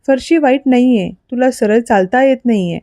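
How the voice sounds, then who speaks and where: A short-tempered young man muttering gruff, irritated remarks, as a woman storyteller puts him on. The voice stays warm and fairly high, recorded close and dry. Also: moderate pace, dry recording, lightly acted. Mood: grumbling.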